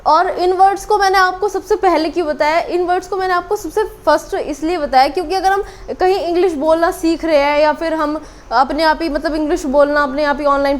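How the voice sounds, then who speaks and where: A woman with a high voice gives a casual spoken English lesson to camera. She explains patiently, repeating each word, and fills pauses with soft hesitations. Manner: explains slowly, repeats words with many fillers. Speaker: English teacher. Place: small room with a board. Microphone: camera on a tripod.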